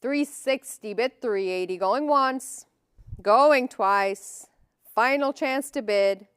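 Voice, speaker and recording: Woman auctioneer calling out lots n bids, kinda high clear voice, formal and clipped, unhurried. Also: fairly bright tone, no room sound, studio quality.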